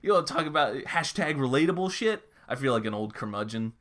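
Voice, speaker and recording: Laughing, swearing young man on a podcast. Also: medium pitch. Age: 20s. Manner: animated, swearing, quick laughs. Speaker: podcast co-host. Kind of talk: casual chat.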